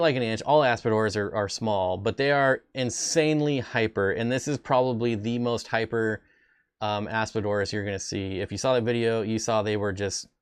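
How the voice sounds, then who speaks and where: A man's voice: medium pitch, clean tone, no echo. A man hosting a casual fish-keeping stream, rambling with jokey, self-deprecating asides. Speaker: aquarium channel host. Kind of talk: casual livestream chat.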